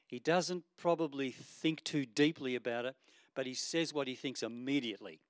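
A man's voice: mid-range voice, moderate pace, no echo. Earnest male preacher, dry close sound. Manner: earnest and conversational, with frequent ums and restarts. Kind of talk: sermon.

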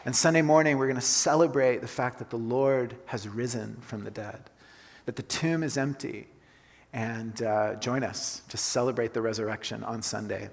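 A man's voice: mid-range voice, steady tone, moderate pace, creaky. A pastor who grew up in Colombia gives a conversational sermon, repeating his key phrases for emphasis. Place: church sanctuary. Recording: long hall reverb.

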